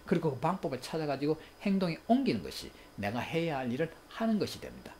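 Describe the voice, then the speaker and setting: Middle-aged guy lecturing on parenting, fast talker, acts out little family scenes, faint hiss. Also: on the high side. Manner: animated, acts out quoted family exchanges. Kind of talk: recorded lecture.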